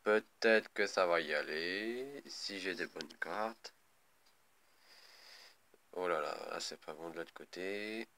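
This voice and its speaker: A man's voice: low voice, takes it slowly, long pauses, bright, forceful tone. A man commentating live on a mobile game as a raging gamer, irritable and prone to swearing. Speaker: gaming video host.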